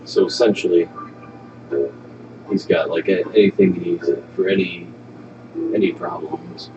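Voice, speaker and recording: A man's voice: low-pitched, level tone, a little slow, noisy background. A laid-back, joking man chatting casually while playing a video game. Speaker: video game player commenting on play. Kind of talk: casual gameplay chat. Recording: muffled lo-fi, distant mic, loud game music. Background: loud game music and sound.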